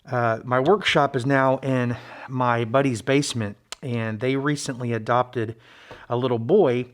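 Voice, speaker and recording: Male hobbyist host, mid-pitched, low-key and halting, slightly muffled behind a mask, casual workshop narration. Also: fairly even intonation. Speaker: hobbyist knife maker and video host. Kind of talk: casual hands-on build vlog narration. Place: friend's basement workshop.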